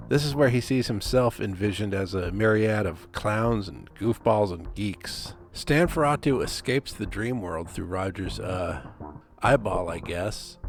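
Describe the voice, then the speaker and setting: A man narrating a scripted video essay with dry, casual asides. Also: on the low side. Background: music.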